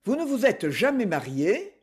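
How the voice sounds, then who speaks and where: A woman's voice: a little high, very animated, normal speed, darkish tone, slightly rough, voice pushed up. A woman doing a flustered, apologetic young man. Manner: hesitant, apologetic.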